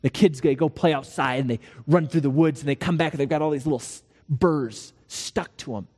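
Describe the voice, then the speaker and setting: Male pastor, sermon, storytelling delivery, slightly high voice, long hall reverb. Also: fairly quick, husky. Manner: animated storytelling with acted dialogue.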